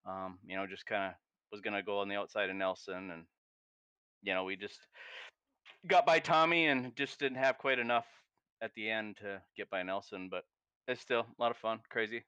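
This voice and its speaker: A man's voice: fairly low pitch, normal speed, pushed and bright, clean tone, no echo, dull audio. A man giving a post-race interview as the runner-up, hesitant and full of "you know" and "uh.". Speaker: race driver.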